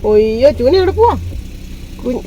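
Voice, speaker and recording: A woman's voice: fairly high pitch, big pitch swings, normal speed, dark tone, lo-fi sound, slight background noise. A woman hosting a casual family vlog, chatting to the camera and coaxing a small child in baby talk while out shopping. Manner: chatty, folksy commentary to the camera. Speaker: vlogger host.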